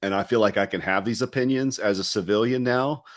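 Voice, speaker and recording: Reflective middle-aged man, low voice. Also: a little fast. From West Virginia. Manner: reflective and candid, loose with fillers like "you know". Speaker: guest, retired special forces soldier. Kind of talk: casual interview talk.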